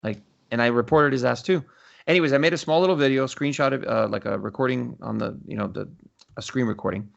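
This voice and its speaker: A man hosting a casual podcast, telling stories in an animated, profane way. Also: medium pitch, fast, creaky, highs cut off. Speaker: podcast host.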